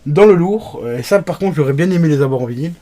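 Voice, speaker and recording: A man's voice: a little high, rapid-fire, mellow. A man casually commenting an unboxing for his viewers, chatty and hesitant, with many fillers and restarts, his voice moving closer and farther from the mic. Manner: talks to viewers as friends. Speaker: unboxing youtuber.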